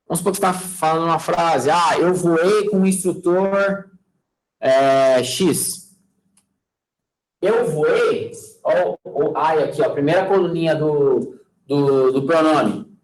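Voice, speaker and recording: Brazilian guy teaching english, kinda high voice, super laid back, keeps asking the class "tá?". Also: rough recording. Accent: Brazilian Portuguese. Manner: checks in with students constantly, asking "tá?" and "fechou?"; relaxed and chatty, using folksy sayings. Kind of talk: casual classroom lesson.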